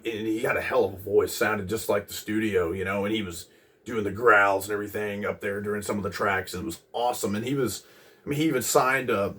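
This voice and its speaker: A man in his twenties casually recalling a concert as host of a music channel, rambling with many pauses and restarts. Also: on the low side, fairly bright tone, recorded from a distance. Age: 20s. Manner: rambling, lots of ums and restarts.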